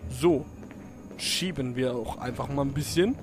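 A man plays a video game and offers casual, jokey commentary, talking back to the characters on screen. His mid-range voice runs a little slow, with game music and other background noise behind him.

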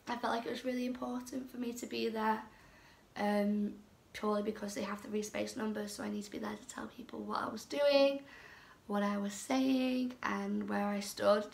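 Young woman talking softly with gravelly creak. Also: medium pitch. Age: young adult. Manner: soft, often whispering, emotional. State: tearful. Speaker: vlogger. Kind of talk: tearful story-time vlog. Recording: echoey room with faint noise.

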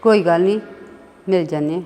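A woman's voice: lowish voice, fast, dark tone, long reverb tail, close to an everyday voice. A middle-aged woman with a Punjabi accent acting a soothing, motherly mother on a phone call.

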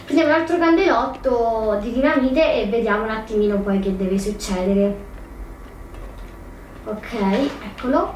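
In a fairly high, darkish voice at normal pace, a woman offers casual let's play commentary while reasoning out loud. She's hesitant and often corrects herself. The audio sounds roomy and distant, with slight noise.

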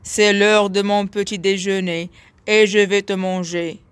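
A woman doing a grumpy one-eyed monster, loud and growly, storybook read slow. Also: mid-range voice, steady tone, no echo, close to an everyday voice. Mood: gruff. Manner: gruff, roaring. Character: horrible one-eyed monster, hungry and gruff.

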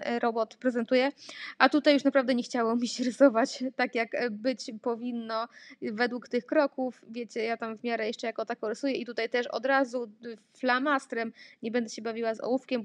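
A woman giving a casual voice-over for a craft tutorial, explaining how she makes reading materials for a child she teaches, with many fillers and pauses. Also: on the high side, dry recording. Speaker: therapist making reading materials.

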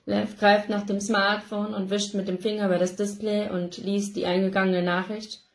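A woman's voice: mid-range voice, normal speed. Woman reading a novel aloud, echoey. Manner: emotive, expressive narration. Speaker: audiobook reader. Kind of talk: first-person novel reading. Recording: roomy echo.

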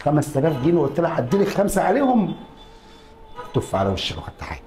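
A man's voice: a little high, huge pitch swings, rapid-fire, dark tone. A man playing a young Egyptian brother who wriggles out of a bet, pleading and stammering in a comedy sketch. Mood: sheepish. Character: young adult brother dodging a lost bet.

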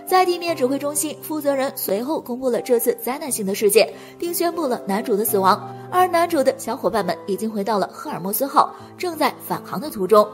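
A woman reading a scripted movie recap as narrator, talking fast in a continuous delivery. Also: sits high, expressive, faint music behind.

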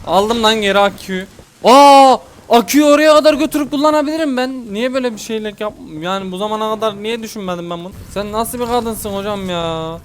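A young man commentating a horror game let's play, panicky and exasperated, pleading and yelling at the monster chasing him. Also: high voice, fast talker, few pauses. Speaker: gaming YouTuber.

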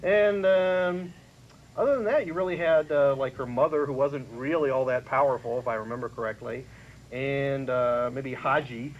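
A man co-hosting a casual chat about old sitcoms, rambling and halting with fillers and restarts. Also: mid-range voice, fairly even intonation. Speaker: co-host. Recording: dull lo-fi 1990s cable recording with faint hiss.

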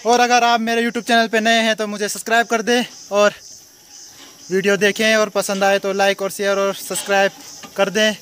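Holding his phone camera at arm's length on hill roads and in a car, a young vlogger from Uttarakhand, India, talks chattily to his viewers. His high voice is a bit bright, with little pitch movement, at normal speed, and there's slight background noise.

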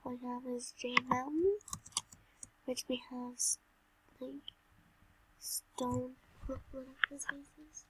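A woman with a high voice talks slowly and softly, often dropping to a whisper and pausing with ums as she shows off a game build. Her tone stays casual and unhurried. A faint noise sits behind her. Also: little pitch movement. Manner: soft-spoken, often whispering, hesitant with fillers. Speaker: video creator.

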